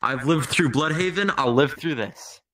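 A man's voice: a little high, normal speed, a bit bright, dry recording. A man playing a VR game, talking casually with friends and sometimes reading clues aloud. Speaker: player in a VR game. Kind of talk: casual gaming banter with slow reading aloud.

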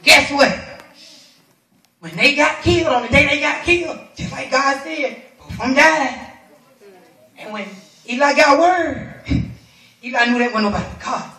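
High, bright-voiced woman preaching. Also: a little slow, pauses often. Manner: animated, colloquial preaching with laughter and call-and-response. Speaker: minister. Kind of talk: sermon. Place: church. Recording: echoey room from far off.

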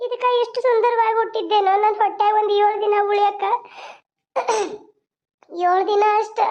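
A woman voicing a grieving young mother with a North Karnataka Kannada accent, mourning her newborn in a pleading lament. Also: very high voice. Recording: dull lo-fi sound.

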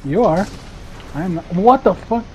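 A man bantering during a game, loud and excitable, cursing often and switching between English and Spanish. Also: sits high, moderate pace, muffled recording, a little hiss or hum. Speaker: gaming streamer. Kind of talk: casual gaming banter.

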